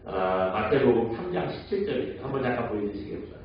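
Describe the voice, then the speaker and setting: Korean pastor preaching in an echoey hall. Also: male voice, lowish voice, quick pace, slight background noise. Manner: storytelling, asks the congregation questions. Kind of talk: Sunday sermon. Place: church sanctuary. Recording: echoey church hall, mic at a distance, dull sound.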